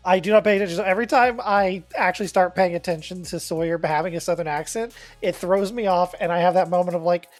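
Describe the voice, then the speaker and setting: A man's voice: high voice, fast, few pauses, soft background music. A young man who plays on the show, chatting casually and joking at his own expense. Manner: joking, self-deprecating. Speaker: player on the show. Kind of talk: casual behind-the-scenes chat.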